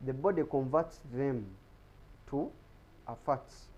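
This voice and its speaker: A man's voice: medium pitch, slow pace, darkish tone, muffled recording. A man giving an explanatory talk on health in a TV studio, often repeating words as he searches for them. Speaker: guest speaker on health.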